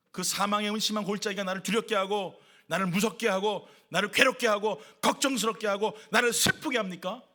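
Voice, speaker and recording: A man preaching with a high, sharp, bright voice that swings widely up and down. He presses his points with rhetorical questions and repeated lists, the way a pastor delivers a Sunday sermon to his church. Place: church worship service.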